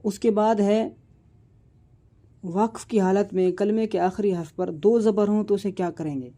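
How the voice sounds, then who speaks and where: Guy teaching quran recitation, super slow and patient, dark mellow voice, draws out the example words. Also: sits high, fairly even intonation. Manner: patient, explanatory, stretches out example words when reciting them. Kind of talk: online tajweed lesson.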